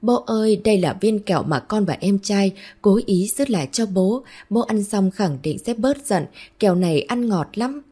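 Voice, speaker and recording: A woman's voice: mid-range voice, lively intonation, normal speed, mellow, slightly rough, voice pushed up. A woman voicing small children who are sweet and eager to please, speaking in a pleading, childlike sing-song.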